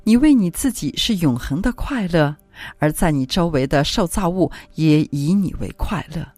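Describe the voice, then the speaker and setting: A woman reading a religious classic aloud as an audiobook, with solemn, devotional and expressive phrasing. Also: sits low, normal speed, dry recording. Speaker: audiobook reader. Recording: dry close recording with faint music.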